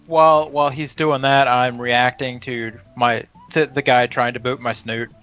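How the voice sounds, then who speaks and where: Halting man playing a tabletop game. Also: mid-range voice, steady tone, a bit bright, clean tone. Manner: halting, talks through his moves as he goes. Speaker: player. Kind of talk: casual tabletop role-play. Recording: dull lo-fi stream audio with faint music.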